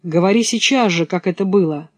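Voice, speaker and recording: A man's voice: sits high, brisk, dry recording. A bold young robber girl snaps out commands in a raised, brusque voice, as a man reading the play puts her on. The recording is close and dry, with no room sound. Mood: bossy.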